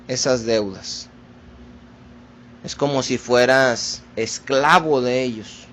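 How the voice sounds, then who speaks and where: Slow preacher with faint hiss. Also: male voice, medium pitch, fairly bright tone, lo-fi sound. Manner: addresses listeners as brothers, slow deliberate teaching. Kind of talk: sermon.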